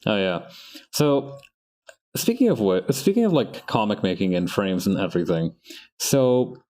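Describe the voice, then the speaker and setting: An artist live-streams his drawing, chatting casually, talking to himself and frequently starting his sentences over. His lowish voice is very animated, a little slow and a little mellow.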